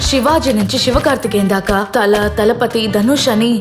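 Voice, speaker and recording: A woman's voice: on the high side, fairly quick, music in the background, natural voice. An actress dubbing a chatty young woman who earnestly rambles through her family story in a film comedy. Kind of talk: dubbed film comedy dialogue. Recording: film dub over loud background score.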